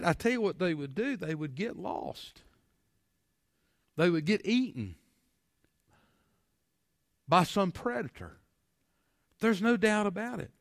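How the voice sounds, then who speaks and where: High-voiced preacher in a church. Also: male voice, dry recording, studio quality, long reverb tail. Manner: folksy, repeats words, rhetorical questions. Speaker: pastor. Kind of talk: sermon. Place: church sanctuary.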